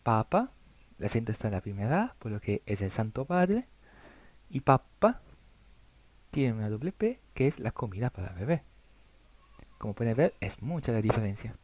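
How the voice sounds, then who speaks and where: A man with Italian as his first language gives a slide-based alphabet lesson and spells out each example slowly. His warm, mellow voice moves lively up and down. The sound is dry and close, with no room echo. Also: mid-range voice. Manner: slow, careful spelling out of letters and examples. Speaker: Italian teacher.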